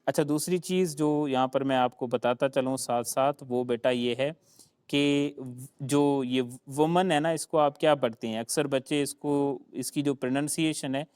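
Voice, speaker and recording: Slow, clear-voiced male teacher. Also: mid-range voice, fairly even intonation, darkish tone, dry recording. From Sindh, Pakistan. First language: Sindhi. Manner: spells words out slowly and repeats them, calls listeners "beta". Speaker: English teacher. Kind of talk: classroom grammar lecture.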